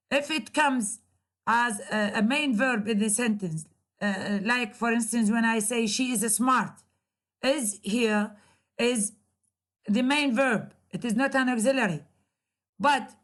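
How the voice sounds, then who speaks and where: Woman lecturer, slightly high voice, halting delivery full of fillers, repeats examples slowly. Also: fairly bright tone. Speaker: university lecturer. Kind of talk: grammar lecture.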